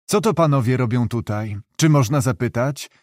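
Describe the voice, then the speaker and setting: A man's voice: medium pitch, moderate pace, darkish tone, no room sound, clean studio sound, lightly acted. Man reading as a coldly ironic young doctor. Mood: cold irony. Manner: controlled, ironic.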